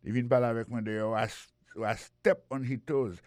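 A man's voice: mid-range voice, fairly even intonation, normal speed, darkish tone, no room sound. Haitian creole guy teaching english on the radio, spells stuff out, dry close sound. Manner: explains phrases, spells words letter by letter. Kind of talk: bilingual radio language lesson.

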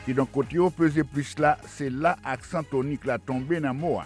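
A man hosting a radio English lesson who explains words slowly, repeats them and spells them out letter by letter. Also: mid-range voice, fairly even intonation, soft background music. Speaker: radio English teacher and host.

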